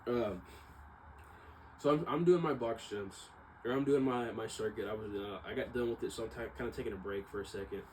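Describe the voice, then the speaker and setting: A man speaks casually and without a script, rambling and doubting himself as he circles back and repeats. His voice is fairly low and darkish, a little fast, over a clearly noisy ambient background.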